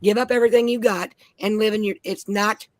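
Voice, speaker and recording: A woman's voice: mid-range voice, fairly even intonation, quick pace, a little mellow, no echo. Blunt, foul-mouthed woman telling stories. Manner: blunt and heavily profane. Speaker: panel guest. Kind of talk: casual storytelling chat.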